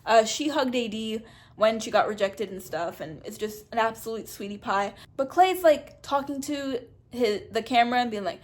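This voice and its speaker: A young woman talking casually for her video review, animated and blunt, swearing freely as she gossips. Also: fairly high pitch, moderate pace. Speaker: YouTuber reviewing a reality show. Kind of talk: casual chat.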